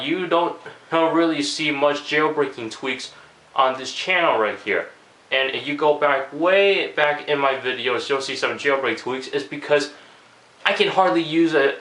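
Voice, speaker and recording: A tech vlogger with a cold and a cracking voice rambles casually through a video commentary, full of fillers and restarts. His voice is on the high side and a bit bright, and the recording is rough with a roomy sound.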